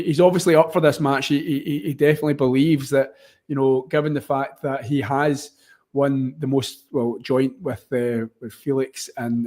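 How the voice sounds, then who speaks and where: A man's voice: mid-range voice, a little mellow. Broad Scottish man commentating on tennis. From Scotland. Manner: hesitant, wordy, often rewording mid-sentence. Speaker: watchalong stream host and commentator. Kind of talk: casual live tennis commentary and chat.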